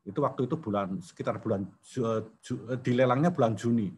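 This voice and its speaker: A man's voice: medium pitch, fairly quick, darkish tone, a little hiss or hum. A man in his sixties giving a personal faith testimony, telling his story in a conversational way and often addressing his listeners as brothers and sisters.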